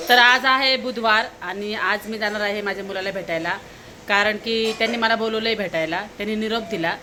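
A young woman from Maharashtra, a mother talking in a casual family vlog, animated, often repeating words in quick calls. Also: medium pitch, crowd noise. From Maharashtra, India. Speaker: vlogger and mother.

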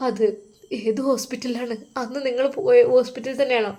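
A woman voicing a young husband who stammers soft, hesitant denials, with a Malappuram Malayalam accent. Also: a little high, fairly even intonation, fairly quick, natural voice. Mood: pleading. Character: young husband, pleading, denying blame.

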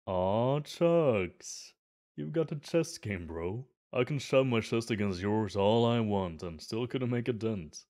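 A man with a slightly low, mellow voice plays an eager, chatty gym bro in an ASMR roleplay. Animated but slow-paced, he earnestly and warmly explains workouts.

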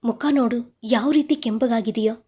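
A playful young husband who keeps apologizing and teasing his wife, read out by a woman storyteller. His voice stays soft and coaxing, with a mellow, warm tone. It is a spoken audio storybook. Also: a little high, moderate pace, breathy edge.

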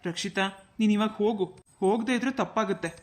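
A woman's voice: mid-range voice, fast, a little mellow, lightly acted. Woman voicing a cartoon uncle, middle-aged, kind, fretful, fussing. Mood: worried. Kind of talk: cartoon voice acting.

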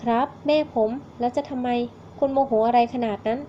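A woman's voice: on the high side, fairly even intonation, a little fast, slight background noise, lightly acted. A woman voicing a curt, dry-spoken young male bodyguard in a storybook reading, on a slightly muffled recording. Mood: irritated.

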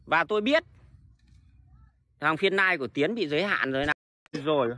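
A man rattles through a casual livestream in a high, bright, sharp voice. He is blunt and swears freely, doubling back and restarting his sentences as he goes. The sound is dry, with no room echo. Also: expressive, moderate pace. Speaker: livestream host selling plants.

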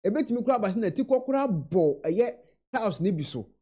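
A man's voice: high voice, big pitch swings, fast talker, mellow, husky. A young Ghanaian man in a small room, earnestly commenting on a video into a webcam and mixing in English words. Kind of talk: reaction commentary.

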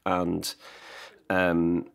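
On a video call from his living room, a man in his forties from England, a guest songwriter, speaks into a stand-mounted desk mic in casual podcast conversation. His deep, creaky, smooth voice is completely flat and extremely slow. He talks at length, restarting many times and dropping self-deprecating asides.

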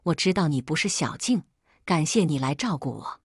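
A woman's voice: sits low, expressive, normal speed, slightly rough, no room sound, clean studio sound, heavily acted. A woman voicing a kind, protective older mother in a read-aloud story.

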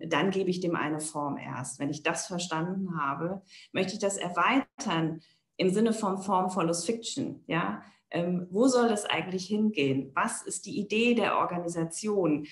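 A woman's voice: fairly low pitch, roomy sound. A woman architect giving a conference keynote over a video call, talking in a thoughtful, loosely structured way with frequent "ähm" and checking "ja?".

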